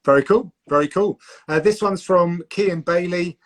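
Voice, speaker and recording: A man with a fairly high voice hosts a casual streamed interview. He asks questions with a playful, teasing edge. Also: normal speed. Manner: teasing, jokey.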